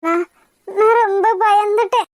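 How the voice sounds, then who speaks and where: A shrill devoted young cartoon wife. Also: female voice, steady tone, moderate pace, no echo, clean studio sound, faint music behind. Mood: tearful.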